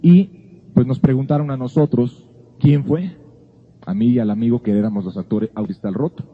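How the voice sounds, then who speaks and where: A man's voice: mid-range voice, normal speed, slightly rough. A man giving an earnest Bible teaching, telling a personal story in a conversational way. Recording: phone-like narrow sound.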